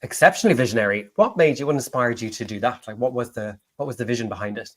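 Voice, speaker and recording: Brisk, deadpan male podcast host with an ironic edge. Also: medium pitch. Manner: dry, ironic, buzzword-heavy delivery. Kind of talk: deadpan satirical interview.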